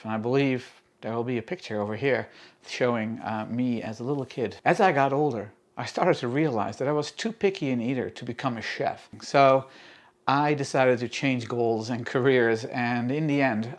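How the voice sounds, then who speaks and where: Man, middle-aged, cooking show host, friendly and steady, mid-pitched voice. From Netherlands. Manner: friendly, steady explaining with small fillers. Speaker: home cooking channel host. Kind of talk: casual cooking video to camera.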